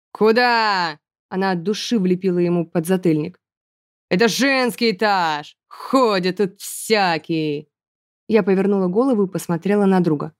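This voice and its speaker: A woman narrating a first-person fantasy audiobook in a lively, expressive way. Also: fairly low pitch.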